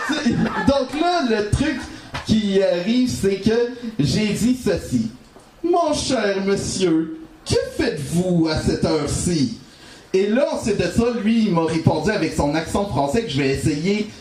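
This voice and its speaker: A man's voice: high-pitched, darkish tone, slight background noise. A man with a Québécois accent telling a rambling comic story on an open-mic stage, stumbling through restarts and fillers. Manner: halting, full of restarts and "comment dire". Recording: roomy live café recording from off-mic.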